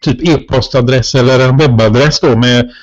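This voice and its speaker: A man's voice: mid-range voice, fairly even intonation. A man co-hosting a casual podcast, rambling with many fillers and a mock-ranting edge. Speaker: podcast co-host. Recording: dull lo-fi podcast audio.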